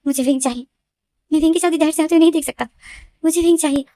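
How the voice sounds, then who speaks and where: A woman's voice: high voice, rapid-fire, dark tone, no echo, pitched above the performer's own voice. A woman voicing a heartbroken, obsessive young man who pleads and insists. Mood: pleading.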